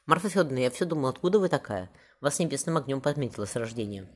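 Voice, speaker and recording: A man reading the part of a grave, devoted middle-aged architect in an audiobook, earnest and low-key. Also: expressive, racing, close to an everyday voice.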